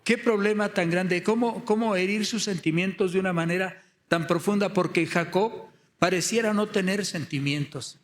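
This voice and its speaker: Fervent higher-voiced male preacher. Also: normal speed. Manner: storytelling, rhetorical questions, rising to loud impassioned emphasis. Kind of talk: sermon.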